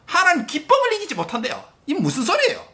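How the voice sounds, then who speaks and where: A male pastor preaching a sermon with impassioned emphasis, addressing the congregation directly and dropping at times to a hushed near-whisper. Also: very high-pitched, wildly swooping pitch, quick pace.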